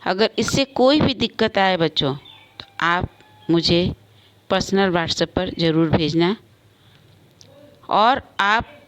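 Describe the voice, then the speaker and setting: A woman teacher giving an online class lesson, explaining slowly with spoken examples and varied emphasis. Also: on the low side. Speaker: school teacher.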